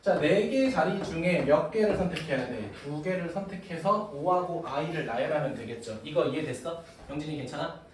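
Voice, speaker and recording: A man's voice: a little high, animated, normal speed. A man teaching a math class, joking and teasing his students as he explains. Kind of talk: classroom lecture. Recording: echoey room, recorded from a distance with noise.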